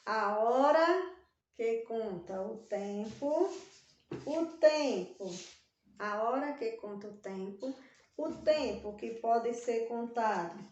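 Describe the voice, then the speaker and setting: A woman's voice: fairly high pitch, slow, dark tone, roomy sound, muffled recording. A Brazilian woman teaching young children in a recorded lesson, drawing out syllables with a sing-song stress on key words. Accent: Brazilian Portuguese. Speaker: primary school teacher.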